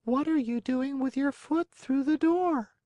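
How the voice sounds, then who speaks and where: A man voicing a slow, calm female snail in a storybook reading, speaking in a peaceful, unhurried way. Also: very high-pitched, dry recording, voice pushed up.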